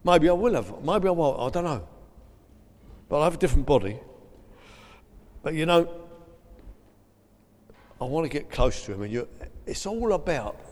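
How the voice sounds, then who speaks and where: A man with a South East London accent preaches in a relaxed yet emphatic way and keeps circling back to the same phrases. His voice sits at an ordinary middle pitch. It rings out with the long reverb of a large church hall. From England. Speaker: pastor. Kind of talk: sermon.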